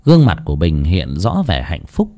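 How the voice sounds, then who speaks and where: A man narrating an audio story in an expressive storytelling manner. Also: deep voice, moderate pace.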